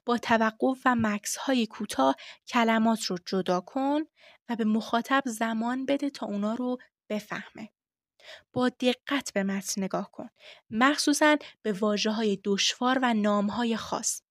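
A woman hosting a podcast lesson on voice work, explaining things clearly and step by step. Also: a little high, no room sound, studio quality. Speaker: voice-acting teacher.

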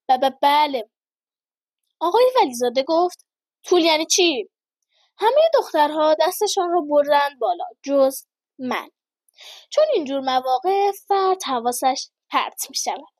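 A high-voiced woman reads a humorous first-person story aloud. She tells it lively and slows down for the punchlines. The recording is dry and close. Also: no room sound.

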